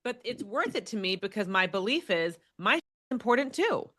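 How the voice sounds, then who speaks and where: A young adult woman chatting casually on a podcast, lively and expressive, often acting out what she says to others and restarting her sentences. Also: mid-range voice, moderate pace. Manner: animated, acts out quoted speech, frequent restarts. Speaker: podcast guest.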